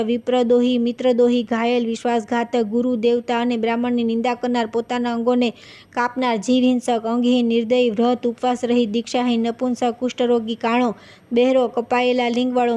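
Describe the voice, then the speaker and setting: Woman, devotional scripture reader; steady, level recitation, mellow tone, occasional slips. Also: on the high side.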